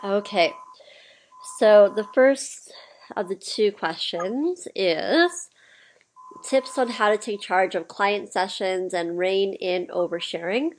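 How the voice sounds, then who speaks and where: A woman mentor speaking casually to her group. She is getting over a cold and sounds scratchy, clearing her throat now and then. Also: medium pitch, slow. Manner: chatty, practical, with fillers and throat clearing. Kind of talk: recorded mentorship session.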